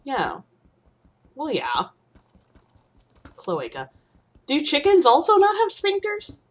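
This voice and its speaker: A woman's voice: high-pitched, wildly swooping pitch, slow pace. A young woman from the Midwest streaming a game, rambling and swearing freely. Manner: rambling, swears freely, sudden panicked outbursts. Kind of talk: casual gaming stream chat.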